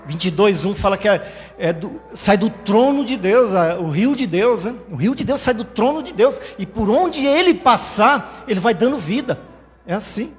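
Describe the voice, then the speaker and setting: Fervent high-voiced male pastor preaching. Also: animated, moderate pace, big-room sound, soft background music. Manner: fervent, conversational preaching with frequent "né?" tags. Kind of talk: sermon. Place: church livestream.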